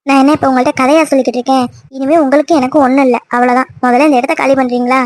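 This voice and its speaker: A woman playing an angry young woman in a cartoon love story, high voice, fast sharp retorts, dry close sound. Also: little pitch movement, dry recording, lightly acted. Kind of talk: cartoon voice acting.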